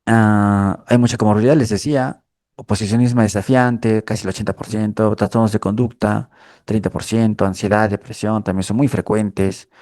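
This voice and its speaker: A man's voice: fairly low pitch, steady tone, moderate pace, darkish tone, no echo, studio quality. A man from Peru, giving a clinical lecture and checking in with listeners as he explains. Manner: explanatory, frequent checking tags like "¿ya?". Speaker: lecturer in a mental health course.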